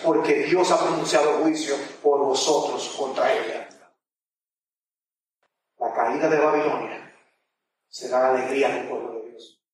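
A man preaching a sermon, reading scripture with swelling fervor. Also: a little high.

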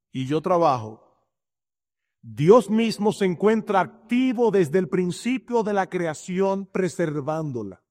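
This sermon comes from a male pastor whose high-pitched voice carries a darkish tone. Between verse readings, he varies his emphasis to press each point and occasionally plays out brief scenes.

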